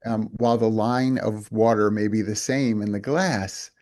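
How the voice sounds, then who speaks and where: A man's voice: on the low side, fairly even intonation, normal speed, darkish tone. Earnest, reflective man, podcast guest. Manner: earnest, reflective, with frequent restarts. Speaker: company president and guest. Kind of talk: casual interview chat.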